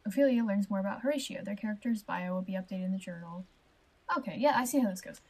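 A woman's voice: mid-range voice, fast, a little mellow, slightly rough, low-quality recording. A woman chatting casually through a game playthrough with giggly asides. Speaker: game streamer. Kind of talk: casual gameplay commentary.

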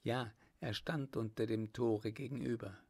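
A man's voice: medium pitch, fairly even intonation, measured pace, a little mellow, breathy edge. A man voicing an anxious young sweetheart.

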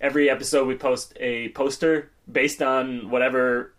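A man's voice: mid-range voice, little pitch movement, normal speed, a bit bright. A man co-hosting a comedy podcast, chatting casually and joking around. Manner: jokey, laughs easily. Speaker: podcast co-host.

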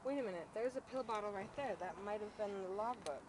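A woman's voice: medium pitch, fast talker, background noise. A young woman chatting animatedly outdoors, swearing casually and laughing a lot, picked up by a friend's handheld camera. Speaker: friend on the trip. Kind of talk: casual chat while exploring. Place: outdoors, brushy desert lot.

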